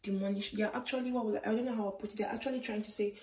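A woman's voice: mid-range voice, rapid-fire, distant mic. Opinionated woman, friend off-mic in an echoey, noisy kitchen. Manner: opinionated, animated, argumentative. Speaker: friend of the vlogger. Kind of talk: casual kitchen argument. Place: home kitchen.

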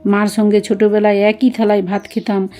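A woman's voice: mid-range voice, level tone, fairly quick, dark tone, faint music behind, natural voice. A woman reading the memories of a grown son about his devoted mother, in an earnest, reminiscing way.

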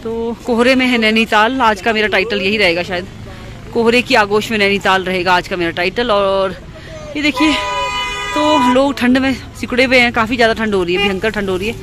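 A woman's voice: on the high side, fairly quick. A woman chatting to her viewers as she walks a foggy lakeside road, filming on a handheld phone. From Uttarakhand, India. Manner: chatty, keeps addressing viewers as friends. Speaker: vlogger. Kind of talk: casual walking vlog narration. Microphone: handheld phone while walking.

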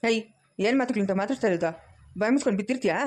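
A woman voicing a gruff, middle-aged village husband in a comedy skit, speaking low and stern with a rural Chikkaballapur Kannada accent. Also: rapid-fire, darkish tone, natural voice. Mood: scolding.

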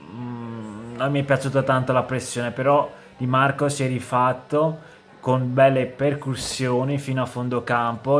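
A man giving a casual football match analysis, speaking haltingly and hesitantly with long pauses. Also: mid-range voice. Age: 20s. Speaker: amateur football commentator. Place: indoors, room with bookshelves. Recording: clear background noise.

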